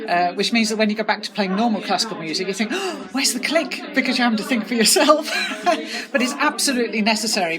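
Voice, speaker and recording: A woman percussionist answers questions with enthusiasm, talking expansively about playing. Her voice sits at a mid pitch. A busy crowd murmurs in the background. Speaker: orchestra percussionist. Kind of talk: interview answers.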